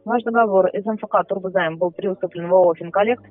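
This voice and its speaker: A woman's voice: mid-range voice, fast. A woman debt collector on the phone, rattling off a scripted, officious speech. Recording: tinny phone line.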